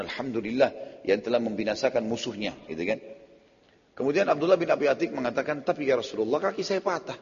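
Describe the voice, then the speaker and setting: Male preacher, husky, tells the story vividly, lo-fi hall sound. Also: mid-range voice. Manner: animated storyteller, acts out quoted speech. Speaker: Islamic preacher. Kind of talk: sermon-style storytelling lecture. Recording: lo-fi hall recording.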